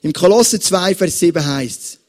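A man with a Swiss German accent, preaching a sermon as pastor and addressing his listeners with lively examples. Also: high-pitched, normal speed.

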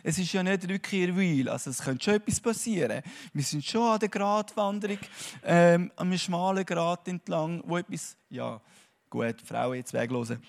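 A man preaches in a fairly high voice. He swings from hushed, thoughtful stretches to loud, emphatic bursts. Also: normal speed, vocal fry. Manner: animated, swinging between quiet musing and loud emphasis. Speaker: conference speaker. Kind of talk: sermon-like talk.

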